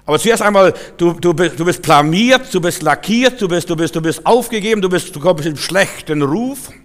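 A man's voice: high voice, lively intonation, normal speed. A man preaching a sermon in a folksy way, acting out the figures he quotes. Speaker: pastor. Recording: long reverb of a hall.

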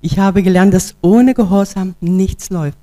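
A man's voice: high voice, normal speed, dark tone. A man from the congregation giving a short spoken testimony.

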